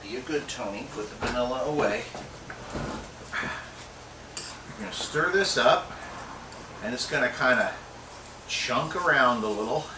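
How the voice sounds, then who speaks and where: With a medium-pitched, expressive voice, this middle-aged man talks in an unhurried way with long pauses. He hosts a casual home cooking show, joking and chatting to himself as he works in the kitchen. A distant mic gives roomy kitchen sound with clear background noise.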